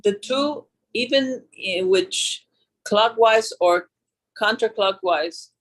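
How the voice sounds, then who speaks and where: A class participant on a video call describing their experience haltingly, repeating words and restarting often. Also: medium pitch, fairly bright tone. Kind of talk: sharing feedback in an online class.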